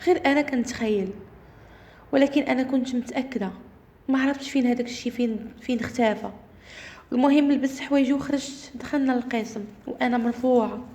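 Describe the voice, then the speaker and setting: A woman with a Moroccan Arabic accent telling a first-person horror story in a brisk, suspenseful way. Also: sits high, mellow.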